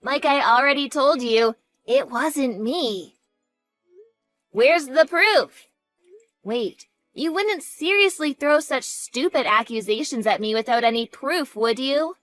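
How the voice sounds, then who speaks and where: A woman's voice: sits high, lively intonation, takes it slowly, a bit bright, no room sound, faint music behind, exaggerated voice. A woman playing a snarky, dismissive sister. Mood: defensive. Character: flippant, defensive younger sister. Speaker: sister of the main character. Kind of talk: voice acting in a narrated drama story.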